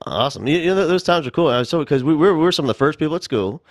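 A man's voice: a little high, expressive, racing, no echo, clean studio sound. An older man hosting a show, telling stories in a rambling, laughing way with many restarts. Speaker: podcast host. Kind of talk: casual storytelling chat.

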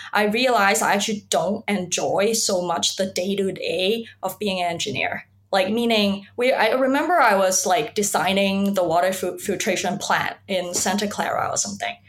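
A woman's voice: medium pitch, unhurried, hardly any pauses, fairly bright tone. A woman from Hong Kong speaking as a podcast guest, reflective, with frequent ums and restarts. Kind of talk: podcast interview.

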